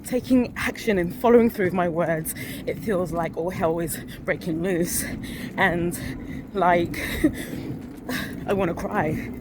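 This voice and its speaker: A vlogger whose voice sits on the low side speaks slowly and pauses often as she walks a city street, chatting candidly to her phone held up to her face. She rambles and corrects herself with little laughs, and the outdoor phone recording picks up traffic and street ambience.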